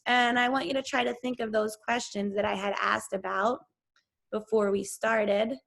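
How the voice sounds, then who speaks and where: Teacher, a bit raspy and higher-pitched, read-aloud storytime. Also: female voice.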